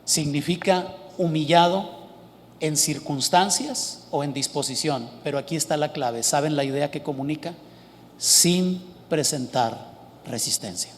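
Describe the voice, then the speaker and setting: A man preaches emphatically, putting questions to the congregation. His voice sits high for a man. A long reverb from the hall trails after his words. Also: normal speed, a little hiss or hum. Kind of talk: sermon.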